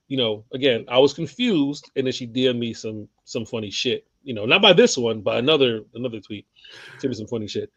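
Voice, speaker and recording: A man's voice: mid-range voice, a bit bright, dry recording, muffled recording. A man co-hosting a sports podcast, talking bluntly with lots of swearing and frequent laughs. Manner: profane, blunt, laughing often. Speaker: podcast co-host. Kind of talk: casual sports chat.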